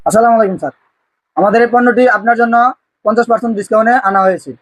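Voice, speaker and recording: A man's voice: sits high, racing, soft background music, natural voice. A man playing a naive, cheeky young job applicant in a comedy sketch.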